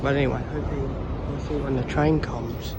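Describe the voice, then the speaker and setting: A man's voice: medium pitch, steady tone, brisk. A man giving casual running vlog commentary on trains from a station platform. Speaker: trainspotting vlogger. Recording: loud train and platform noise.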